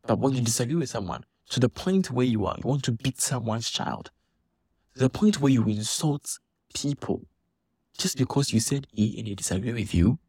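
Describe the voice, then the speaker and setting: A man giving an animated, indignant monologue, restarting his sentences often. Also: medium pitch, normal speed, breathy edge, no room sound, studio quality. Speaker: church member commenting on a dispute. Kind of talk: casual monologue vlog.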